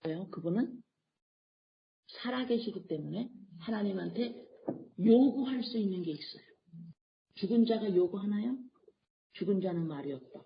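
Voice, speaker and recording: A woman pastor delivering a sermon. She fires questions at the congregation and answers them herself, and her voice swings between quiet and loud. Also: mid-range voice, animated, normal speed, creaky, long pauses, lo-fi sound, slight background noise.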